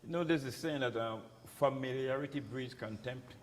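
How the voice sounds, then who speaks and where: A male pastor talks about himself in a Crucian accent from the Virgin Islands. His manner is plain and informal, at an ordinary pitch, in a reverberant hall with some noise behind him. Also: moderate pace. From St. Croix, Virgin Islands. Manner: down-to-earth, informal. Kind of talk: candid personal talk.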